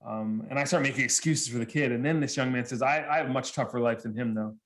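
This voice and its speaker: Animated male speaker telling stories. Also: medium pitch, fast. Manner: animated storyteller, acts out quotes, laughs often. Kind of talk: storytelling presentation.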